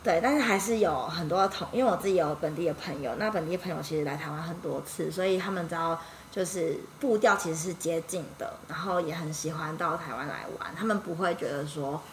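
A woman with a Taiwanese Mandarin accent chats as a podcast guest, her voice sitting a little low. She talks animatedly, piling up fillers and quick self-corrections, over a faint hum of background noise. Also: poor audio. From Taiwan, Yilan. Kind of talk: casual storytelling chat.

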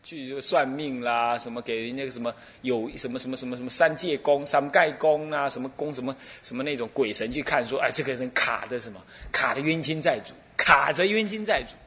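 A middle-aged Buddhist abbot with a Taiwanese Mandarin accent gives a story-filled dharma talk in a medium-pitched voice, a little fast and with few pauses. He's an animated storyteller, laughing and acting out the dialogue.

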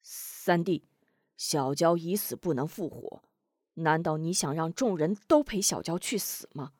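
A woman doing a hushed, cautious elder brother. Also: low voice, animated, measured pace, no echo, studio quality. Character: calm, cautious male sworn elder brother.

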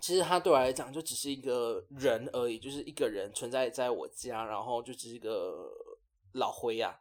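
A man's voice: medium pitch, fairly quick. A young man, co-hosting a casual podcast and reacting with teasing, wry remarks. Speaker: podcast co-host. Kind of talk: casual chat.

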